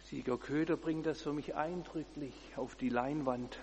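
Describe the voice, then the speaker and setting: A man giving an earnest sermon, speaking in a measured way and repeating key words for emphasis. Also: on the high side, fairly even intonation, darkish tone, big-room sound, slight background noise. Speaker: preacher.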